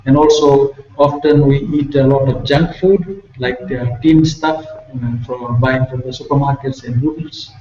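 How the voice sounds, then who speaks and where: A man from Fiji, answering questions on a video call with earnest, grateful, slow explanations. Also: medium pitch, steady tone, dark tone, a little hiss or hum. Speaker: guest. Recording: echoey, distant, muffled video call.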